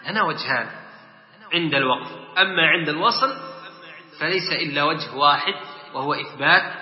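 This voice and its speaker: A man teaching Quran recitation. He gives brief spoken explanations between slow, melodic chanted verses for his class to repeat. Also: fairly high pitch, faint music behind. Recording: echoey hall, dull lo-fi sound.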